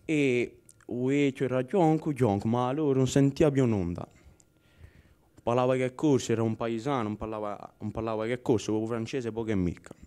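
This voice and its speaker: Animated young Corsican storyteller, mellow tone. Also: male voice, mid-range voice, moderate pace, clean tone. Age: young adult. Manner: animated, voices the characters in dialogue. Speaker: student storyteller. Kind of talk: telling village stories.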